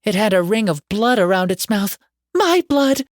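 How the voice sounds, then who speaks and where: A woman narrating a first-person horror comedy audiobook in an expressive, dramatic way with comic timing, on a close studio mic. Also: mid-range voice, brisk, no room sound.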